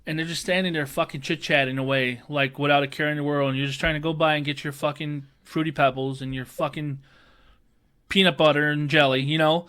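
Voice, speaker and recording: A man co-hosting a podcast, ranting casually and swearing freely, mocking people in high put-on voices. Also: steady tone, a little fast, fairly bright tone, clean tone. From Chicago area, US. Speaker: podcast co-host. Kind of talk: casual profane rant.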